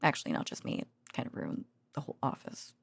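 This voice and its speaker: Playing a loving, excitable researcher girlfriend who talks her boyfriend to sleep, a voice actor delivers a fast, giddy, rambling ASMR-style monologue close to the mic. Her voice is breathy and soft, often almost whispered, near her everyday voice, and she's hesitant and chatty with sighs and giggles. There's no echo.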